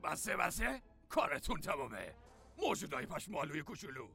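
An actor playing a stern, threatening alien enforcer in a cartoon dub, raspy and harsh. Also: male voice, on the high side, big pitch swings, pushed and bright, faint music behind, exaggerated voice. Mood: menacing. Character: gruff stern male alien enforcer, mid-aged.

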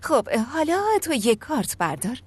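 Harried stepmother, high and quick to defend, dubbed drama. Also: sing-song, a little mellow, slightly rough, full character voice. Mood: coaxing. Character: flustered stepmother trying to keep peace. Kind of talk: dubbed film dialogue.

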